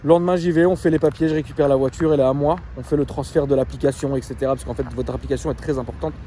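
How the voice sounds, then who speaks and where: A man's voice: medium pitch, very fast, a little hiss or hum. Chatty man vlogging about his car. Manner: chatty, animated, full of fillers. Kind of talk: casual vlog storytelling and car demo.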